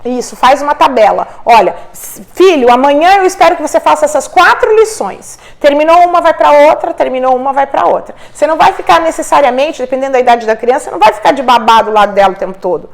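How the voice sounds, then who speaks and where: This woman's high-pitched, creaky voice is lively in intonation and very fast, with hardly any pauses. A middle-aged immigrant mother hosting, she warmly encourages parents about homeschooling and mixes English words into Portuguese.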